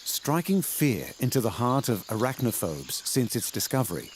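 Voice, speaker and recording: Man narrating a nature documentary, lively intonation. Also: mid-range voice, normal speed, slight background noise. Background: background music.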